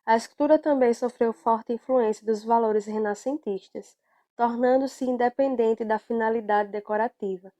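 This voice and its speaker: Woman reading a lesson, mellow tone. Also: fairly high pitch, steady tone, normal speed.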